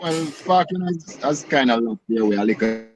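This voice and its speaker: A man speaks at a middling pitch over a remote call that keeps cutting out and dropping. His words come through patchy and distant. He pauses and checks whether the host can still hear him. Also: animated, background noise. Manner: halting, repeating himself to check he is heard. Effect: breaking-up online call connection. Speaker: football coach calling in. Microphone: phone or video call from a moving car.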